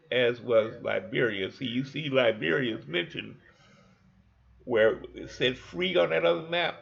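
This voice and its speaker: A man's voice: medium pitch, vocal fry, fairly bright tone, husky. A man giving a folksy, conversational history lecture, walking listeners through maps. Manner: folksy, conversational, asks listeners to think along. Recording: dull lo-fi recording.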